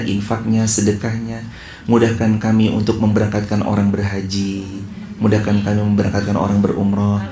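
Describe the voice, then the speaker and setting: A male preacher giving a sermon to an audience, shifting between casual explanation and slow, pleading chanted prayers. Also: on the low side, mellow, echoey room, slight background noise. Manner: pleading, chanted Arabic verses, addresses audience.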